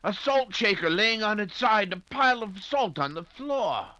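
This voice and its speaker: Casting: male actor as nervous doctor, loyal detective's companion; bright, high, swooping voice, stammering, radio mystery style. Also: lively intonation, normal speed, no echo, dull audio. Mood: nervous, alarmed. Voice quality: stammering, flustered delivery. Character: anxious, fussing Doctor Watson, Holmes's loyal companion. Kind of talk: old-time radio detective drama acting.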